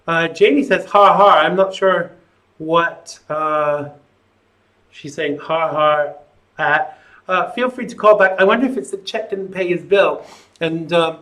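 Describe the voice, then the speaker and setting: A man with a fairly high, forceful voice hosts a live call-in show. He speaks conversationally and gives his opinions with a sardonic edge.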